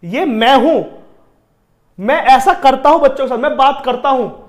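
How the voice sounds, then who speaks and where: Man, young adult, high-pitched, sore throat; chatty live-class math teacher who talks right to students. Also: normal speed. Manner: chatty, addresses students directly, digresses into stories. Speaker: online exam-prep teacher.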